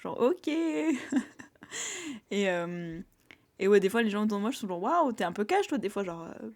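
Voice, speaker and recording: A woman's voice: mid-range voice, very animated, measured pace. A young woman talking through her thoughts in a casual monologue, full of fillers and little acted-out quotes. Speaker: vlogger sharing reflections.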